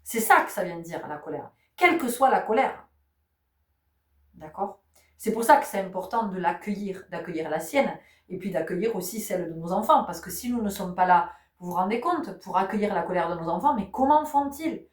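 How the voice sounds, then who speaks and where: A woman's voice: mid-range voice, expressive, normal speed, recorded from a distance. Emphatic woman teaching in a roomy space. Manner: emphatic, repeats key words, many rhetorical questions; says she is not giving medical advice. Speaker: spiritual channel host. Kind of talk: spiritual teaching talk to an audience. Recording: roomy sound, voice set back from the mic.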